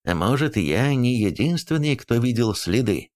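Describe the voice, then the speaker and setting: A man voicing a young, resolute boy in an audiobook, spoken calmly and matter-of-factly in his own voice. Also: mid-range voice, normal speed, dry recording, natural voice. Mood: thoughtful.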